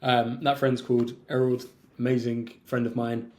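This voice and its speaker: A young man from London, an entrepreneur guest on a podcast, telling his story in a fluent, conversational way and now and then clearing his throat. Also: medium pitch, flat delivery, moderate pace, a little mellow. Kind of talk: casual interview chat.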